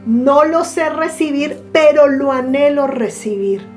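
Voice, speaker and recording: Woman, spiritual teacher, high voice, slow deliberate teaching, stretches words for emphasis. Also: expressive, darkish tone, soft background music. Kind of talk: reflective teaching monologue.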